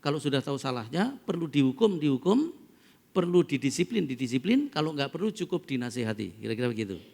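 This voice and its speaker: A middle-aged pastor from East Java, preaching a sermon that moves between storytelling and loud, emphatic preaching. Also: male voice, mid-range voice, sing-song, fast, vocal fry. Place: large church hall. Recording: long church-hall reverb.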